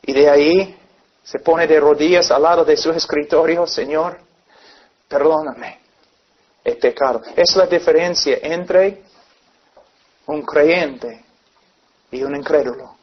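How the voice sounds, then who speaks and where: A man's voice: a little high, steady tone, unhurried, long pauses. A man preaching a sermon, earnestly telling illustrative stories. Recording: dull lo-fi recording.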